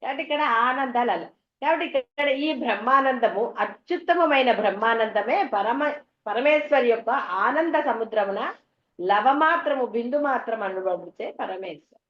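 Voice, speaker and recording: Woman, spiritual teacher, conversational discourse, homely anecdotes, high voice, muffled echoey hall. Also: animated, moderate pace. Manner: conversational, tells homely anecdotes, asks the audience questions. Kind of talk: devotional discourse to an audience. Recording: dull, echoey hall recording.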